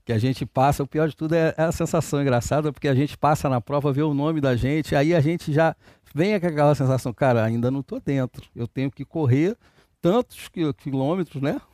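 A man's voice: on the high side, a little fast, dark tone, no room sound, studio quality. A man hosting an interview, asking long, rambling questions in a friendly way. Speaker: interview host.

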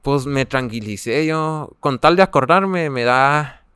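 A young Mexican man with a very smooth, resonant voice recalls his experience as an interview guest. He hesitates often and fills pauses while searching for words. The sound is close and dry. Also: mid-range voice, bright, forceful tone, no room sound. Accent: Mexican Spanish. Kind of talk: personal testimony in an interview.

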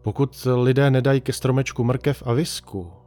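A man's voice: mid-range voice, mellow, faint music behind, close to an everyday voice. A man reading the part of a guilty, ashamed young father who speaks hesitantly and cautiously.

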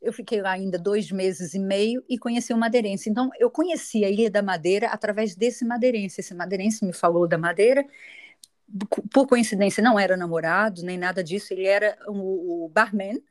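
A middle-aged Brazilian woman with a Brazilian Portuguese accent, a guest telling her story in a casual interview, chatty and quick to laugh. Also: mid-range voice. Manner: chatty, laughs often, restarts sentences.

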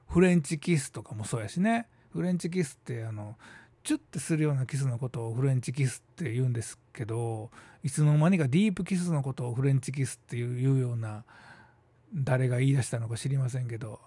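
With a medium-pitched, dark, slightly rough voice and no room sound, this middle-aged Kansai-accented man leads a theater troupe and hosts a podcast. On his solo talk show he muses casually, tossing in quick asides and long hesitations.

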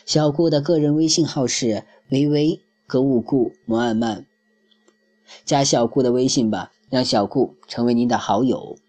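A man narrating a bedtime story for children in a gentle, friendly way as host of his own audio channel. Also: medium pitch, moderate pace.

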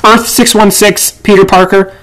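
A man's voice: high-pitched, little pitch movement, moderate pace, fairly bright tone, low-quality recording. A man co-hosting a casual podcast chat, opinionated and swearing freely, laughing often. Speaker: podcast co-host.

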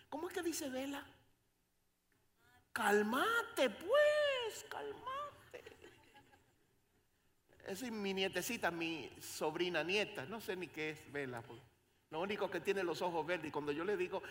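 A male pastor preaching a sermon in church, swinging between quiet passages and loud dramatic exclamations. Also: sits high, a little hiss or hum.

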